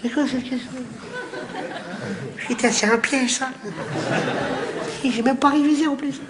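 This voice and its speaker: Man, stand-up comic, very high voice, rapid teasing banter, live show with laughing crowd and noise. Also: fairly even intonation. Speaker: stand-up comedian. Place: theatre stage before a live audience.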